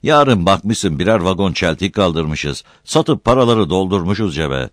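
A man playing a loud, coaxing village landlord. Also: low voice, lively intonation, measured pace, no room sound, clean studio sound. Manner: loud, coaxing, calls people "ula".

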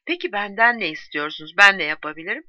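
A weary, brooding captive soldier, voiced by a woman reading aloud, asking tired questions in a plain, lively-toned voice. The sound is dull and dry, like a home audiobook. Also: medium pitch, fast, no room sound, close to an everyday voice.

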